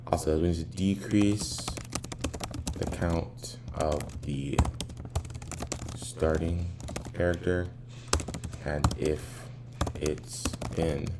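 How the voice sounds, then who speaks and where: A man thinking aloud in a casual coding vlog, halting and muttering to himself as he drifts into tangents, sounding far from the mic in an echoey apartment. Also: extremely low pitch. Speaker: programmer recording himself working. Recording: far-off echoey room, clearly noisy.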